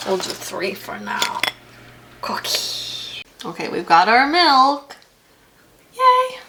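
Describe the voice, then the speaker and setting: A woman's voice: medium pitch, lively intonation, unhurried, heavy background noise. A woman chatting playfully while baking cookies at home for a vlog. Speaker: vlogger. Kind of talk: casual home vlog chat. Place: home kitchen.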